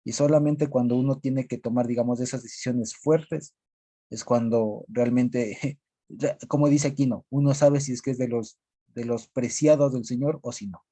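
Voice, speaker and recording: Man leading bible study, halting, searching for words, very dark husky voice. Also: medium pitch, fairly even intonation, dry recording.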